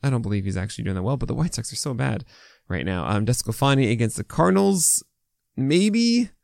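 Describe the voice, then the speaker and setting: A man's voice: medium pitch, very animated, fairly quick, vocal fry, darkish tone, no echo, studio quality. An American man hosting a fantasy baseball podcast, talking with a swollen mouth in casual, opinionated, unscripted commentary full of asides.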